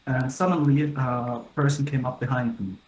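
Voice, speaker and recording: A man's voice: mid-range voice, fairly even intonation, a little mellow. Male debater, hesitant, robotic metallic mic sound, roomy echo. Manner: halting, many fillers and restarts. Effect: robotic, metallic-sounding microphone. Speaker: debate participant. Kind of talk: casual online debate. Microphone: laptop microphone. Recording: echoey with faint noise.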